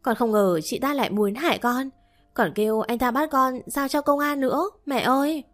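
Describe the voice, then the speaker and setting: A woman voicing a vengeful young woman who shouts shrilly in a storybook reading. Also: high-pitched, moderate pace, faint music behind, pitched above the performer's own voice, natural voice. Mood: tearful pleading.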